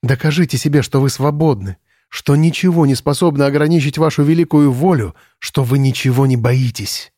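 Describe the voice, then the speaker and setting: A man reading the part of a quiet, defiant young woman prisoner of war in an audiobook, speaking calmly and softly. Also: mid-range voice, a little fast, no echo, studio quality, natural voice. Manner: calm, soft, steady.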